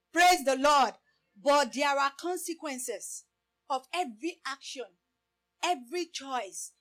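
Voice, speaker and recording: Preaching in English, which is not her native tongue, this woman speaks with a high, slightly bright voice. "Praise the Lord" comes up again and again, and she throws rhetorical questions at her audience.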